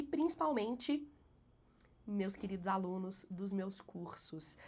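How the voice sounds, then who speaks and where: A fairly high-pitched woman teacher, a bit nasal from a cold, goes over a student essay. She reads excerpts aloud slowly with emphatic upward inflections, then shifts to brisk explanation.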